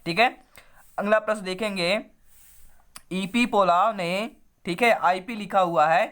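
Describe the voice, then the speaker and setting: Hoarse from a cold, a man teaches an online exam lesson, reading out quiz questions and options and then repeating the answers to viewers in a familiar way. His voice is high-pitched and fairly bright, and he speaks unhurriedly.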